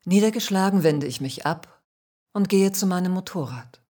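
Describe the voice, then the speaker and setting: A woman calmly narrating a first-person spiritual story in a measured, soft-spoken way. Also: on the low side.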